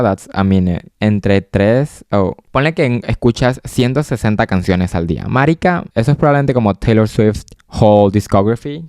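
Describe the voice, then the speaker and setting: A young man chats casually on his own podcast, full of slang and English phrases dropped mid-sentence. His voice is smooth and clear, recorded dry and close with no room sound. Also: lowish voice, darkish tone, no room sound. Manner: chatty, slangy, mixes Spanish with English. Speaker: podcast host. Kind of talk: casual solo podcast chat.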